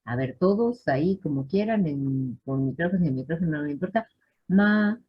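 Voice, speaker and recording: A woman teaches a live online class, patiently checking in with her students. Her voice sits low and sounds somewhat husky. The audio is dull and lo-fi, like a computer mic on a video call. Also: a little fast, faint music behind. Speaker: language teacher.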